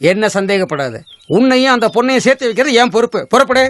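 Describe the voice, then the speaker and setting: A sly, bossy village marriage broker in a film, scolding and ordering people about. His voice is high and swoops widely up and down. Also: animated, quick pace, background noise. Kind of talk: film acting.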